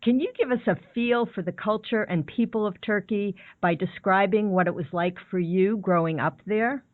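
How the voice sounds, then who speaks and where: A woman's voice: mid-range voice, moderate pace, no echo. Dry phone-quality woman host. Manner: clear, scripted reading. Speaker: podcast host. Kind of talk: scripted introduction and interview questions.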